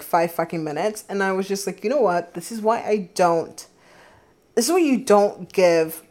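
Hosting her own podcast, a twenty-something woman from around Philadelphia recounts a dating story in a mid-range, darkish voice. Her telling is chatty and giggly, packed with fillers.

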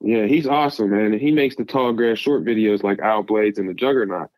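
A man's voice: lowish voice, brisk, a little mellow, no room sound, low-quality recording. A man talking casually as a podcast guest, giving advice in an emphatic, rambling way.

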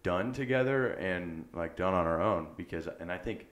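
A man's voice: low-pitched, lively intonation, normal speed, fairly bright tone. A young man co-hosting a podcast, talking in an earnest, rambling way full of "like" fillers. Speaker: podcast co-host. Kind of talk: casual chat.

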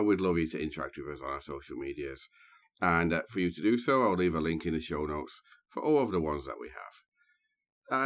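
A man hosting a true crime podcast, telling the story in a measured, scene-setting way. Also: sits low. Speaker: podcast host. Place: small booth, sharing a room with co-host.

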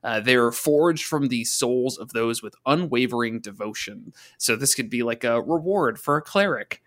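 Casual male co-host, mid-pitched, halting, joking through game lore. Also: expressive, a bit bright. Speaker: podcast co-host.

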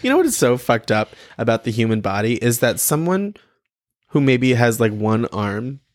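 A man's voice: medium pitch, very animated, moderate pace. A male podcast co-host talks in a loose, rambling way, laughing and swearing freely. His voice sits in a middle register. The recording is dry, with no room echo. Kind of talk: casual chat.

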